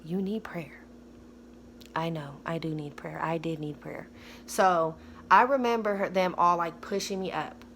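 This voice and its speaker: A woman's voice: lowish voice, fairly even intonation, moderate pace, fairly bright tone, slight background noise. A mother telling a personal story in a casual vlog, earnest and insistent, often speaking straight to her viewers. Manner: earnest, insistent, with many fillers and direct address to viewers.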